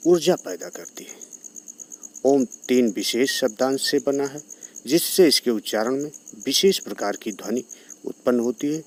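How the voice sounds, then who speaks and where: A man gives a steady, explanatory yoga talk, repeating key points as he goes. His voice sits at an ordinary middle pitch. Crickets chirp softly behind him. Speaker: yoga teacher.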